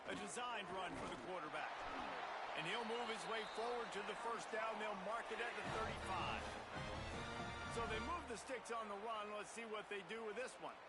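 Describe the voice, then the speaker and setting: A man's voice: high-pitched, normal speed, over loud music. An American man calling live football play-by-play in clipped present-tense phrases. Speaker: play-by-play commentator. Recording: loud stadium ambience behind.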